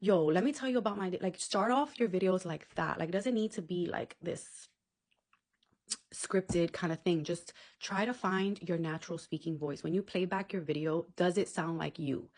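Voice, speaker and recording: A woman's voice: lowish voice, moderate pace, a little mellow. A woman content creator giving casual advice to camera in a chatty, blunt way, swearing freely and checking in with "okay?".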